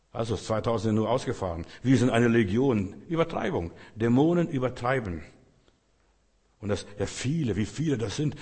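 A man's voice: medium pitch, darkish tone, husky. A male preacher giving a sermon, speaking directly to his listeners with rhetorical questions. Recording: long hall reverb.

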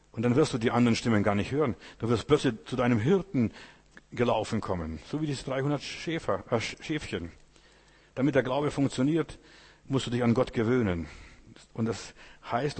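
Husky-voiced man preaching a sermon. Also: medium pitch, normal speed, darkish tone. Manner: addresses listeners directly with "weißt du" and "Geschwister".

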